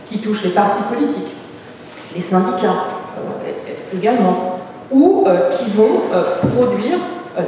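A woman giving an academic conference talk, pausing often on fillers and restarting her phrases. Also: mid-range voice, warm tone, slight background noise. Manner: hesitant, many fillers and restarts. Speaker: lecturer. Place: lecture hall. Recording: echoey hall, distant mic.

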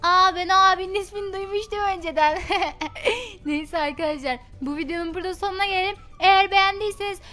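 A woman's voice: extremely high pitch, brisk, bright, forceful tone, soft background music. A woman voicing a mischievous little girl in a game role-play, giggly and teasing. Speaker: Minecraft roleplay YouTuber.

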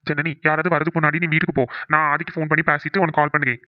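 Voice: medium pitch, flat delivery, racing, no room sound, close to an everyday voice. A performer voicing a worried young man in a cartoon who soothes and coaxes his tearful sweetheart. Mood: coaxing. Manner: soothing, coaxing. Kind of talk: cartoon voice acting. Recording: dry, tinny phone-like sound.

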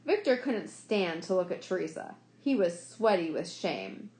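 A woman narrating a short story in a steady, expressive storytelling manner. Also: fairly low pitch, a little slow. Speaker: story reader. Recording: roomy echo.

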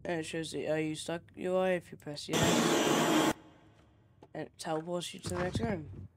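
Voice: mid-range voice, flat delivery, normal speed, very noisy. A young game developer giving casual, rambling commentary while showing his game, often correcting himself. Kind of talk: casual screen-capture commentary.

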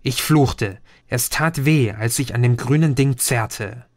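A man reading a first-person audiobook in measured scripted narration. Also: medium pitch. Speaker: audiobook reader.

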